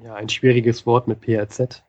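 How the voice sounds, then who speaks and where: A man at a mid pitch on a slightly dull, lo-fi podcast line. He hesitates and stumbles as he works out a pronunciation. He trails off with a shrug in his voice. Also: little pitch movement, normal speed, darkish tone. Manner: hesitant, fumbling over pronunciation. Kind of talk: casual podcast banter.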